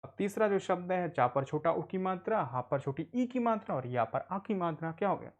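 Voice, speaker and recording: A man's voice: sits high, animated, normal speed. Patient man teaching reading. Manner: patient, repetitive, asks and answers own questions. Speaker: adult literacy teacher. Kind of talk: online Hindi reading lesson.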